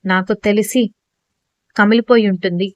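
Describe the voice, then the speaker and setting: A cheeky younger sister teases in quick bursts in an audio storybook, as a woman narrator puts her on. Her voice is mid-pitched and close, with a dry sound. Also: steady tone, dry recording, lightly acted. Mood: teasing.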